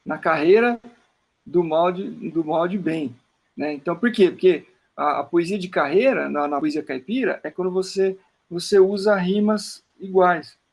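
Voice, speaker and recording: A Brazilian poet talks through his work in a relaxed interview over a video call. His voice sits high and has a gravelly, husky edge. He rambles, repeats words as he searches for them, and keeps tagging his sentences with a questioning "né?". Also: moderate pace. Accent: Brazilian Portuguese. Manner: rambling, with frequent "né?" tags and stammered repeats. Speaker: poet talking about his book. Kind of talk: casual interview chat while showing his work on screen.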